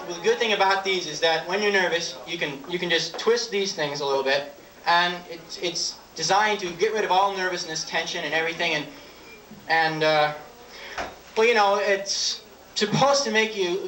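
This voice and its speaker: High-voiced young male comedian, roomy live stage. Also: bright, forceful tone. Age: 20s. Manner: halting, offhand delivery. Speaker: stand-up comedian. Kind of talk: live stand-up comedy with props. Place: small dark theatre stage with audience. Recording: roomy old videotape, distant, audience noise. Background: audience laughter and crowd noise.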